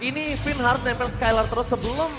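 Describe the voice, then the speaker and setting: An Indonesian man casts esports like a fighting game announcer, dramatic and very high in pitch. His delivery is fast, and loud music plays behind him. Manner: dramatic, shouts kill calls. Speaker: esports play-by-play caster. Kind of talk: fighting game announcer style live match commentary. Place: live esports tournament broadcast.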